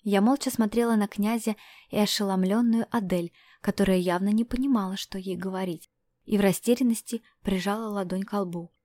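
Female audiobook narrator, measured first-person storytelling, dry close sound. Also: medium pitch, fairly even intonation, dark tone, no room sound.

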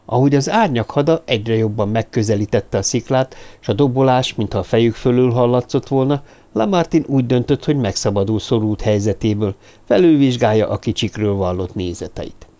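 A man's voice: medium pitch, mellow. Man narrating a suspense audiobook. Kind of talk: scripted narration.

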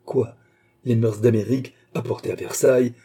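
A man's voice: mid-range voice, fairly even intonation, normal speed, warm tone, husky, lightly acted. A man reading an audiobook, voicing a haughty, angry young queen with an indignant, commanding manner.

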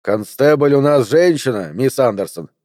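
Man reading as an unruffled small-town official, calm, even, dark dry audiobook voice. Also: medium pitch, normal speed, no room sound, close to an everyday voice.

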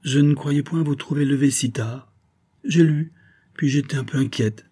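A man's voice: mid-range voice, moderate pace, dark tone, husky, voice pushed up, natural voice. A man voicing a loving, earnest young woman in a raised, tender voice.

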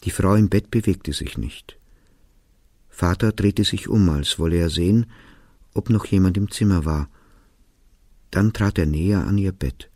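A man narrating a literary audiobook in a studio, reading in a calm, even, reflective way. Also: deep voice, a little slow, long pauses, no room sound. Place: recording studio.

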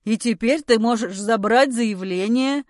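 A woman's voice: fairly high pitch, a little slow, dry recording, studio quality, natural voice. Woman doing a frantic, pushy husband. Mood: excited. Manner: loud, agitated, pleading and bossy. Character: frantic, pushy husband, middle-aged man.

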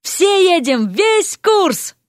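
A jubilant young male student bursts in shouting, as a woman narrator puts him on. His voice leaps high and loud with excitement, in a dry, close storybook reading. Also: very slow, dry recording, heavily acted.

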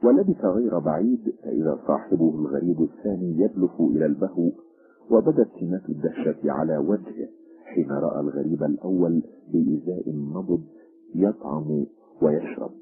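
A man reading a literary story aloud as an expressive audiobook narrator, with a tinny phone-like sound. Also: very deep voice, a little fast, creaky, husky, faint music behind.

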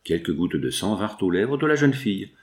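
Low-voiced man narrating a novel. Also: fairly quick. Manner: expressive, dramatic. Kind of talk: dramatic audiobook narration.

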